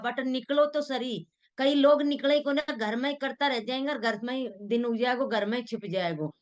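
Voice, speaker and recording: A middle-aged woman giving an earnest, homespun motivational talk, slipping into local dialect. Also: high voice. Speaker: motivational speaker.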